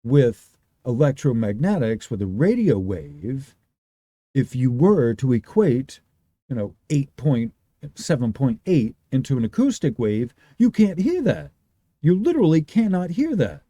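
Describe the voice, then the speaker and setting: A man with a very dark, booming voice talks his regulars through an unscripted explanation. His pitch moves a lot as he rambles, starting sentences over and thinking out loud. The sound is dry and close. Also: very animated, a little slow, dry recording. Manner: rambling, restarts often, thinks aloud. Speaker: livestream host.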